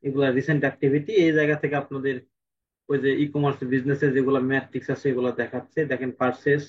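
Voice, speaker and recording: A man teaching a live online class over a shared screen, talking fast and rambling, thinking aloud as he goes. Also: medium pitch, little pitch movement, highs cut off. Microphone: video call.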